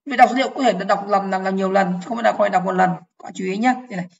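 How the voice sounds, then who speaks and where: A woman gives an online programming lesson to fellow teachers. She explains each step slowly, repeats key words and checks whether her listeners follow. Her voice sits at a middle pitch, and the recording sounds a little dull and lo-fi. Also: steady tone, vocal fry.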